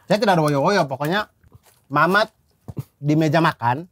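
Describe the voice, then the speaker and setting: A man's voice: a little high, normal speed, over a noisy crowd. A man in casual chat, retelling what happened with much expression and laughter.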